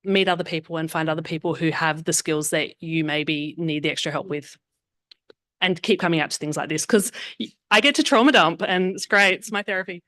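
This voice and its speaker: A woman's voice: low voice, brisk, fairly bright tone, no echo, studio quality. A woman in her forties with an Australian accent, telling a candid personal story at a meetup with self-deprecating humor. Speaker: meetup speaker. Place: meetup room.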